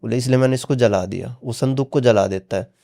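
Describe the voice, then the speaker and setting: A man's voice: medium pitch, a little fast, vocal fry, warm tone. A man casually recounting a horror story on a podcast, acting out the dialogue with frequent "he said" tags. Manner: retells dialogue with many "he said" tags.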